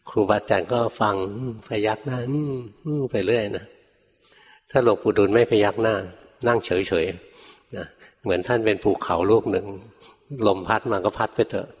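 An older man, a Buddhist monk, telling stories in a dharma talk and acting out his teachers' sharp rebukes. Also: lowish voice, moderate pace. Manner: animated storyteller, acts out his teachers' rebukes, chuckles often. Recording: long hall reverb.

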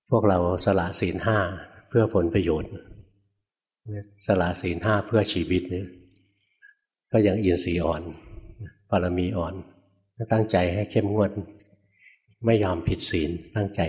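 A man's voice: low-pitched, darkish tone. An older man, a Buddhist monk, giving a plain-spoken, folksy dharma talk, asking his listeners questions and chuckling at his own stories.

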